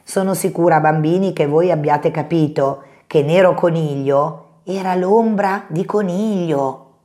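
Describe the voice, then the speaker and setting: Teacher lady reading a kids' story, low voice, gentle and expressive. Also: measured pace. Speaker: preschool teacher. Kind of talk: reading a fairy tale to children.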